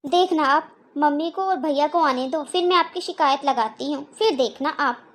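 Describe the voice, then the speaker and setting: A woman's voice: high voice, moderate pace, close to an everyday voice. A woman voicing a petulant young married woman in a cartoon, whiny and complaining. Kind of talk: cartoon voice acting.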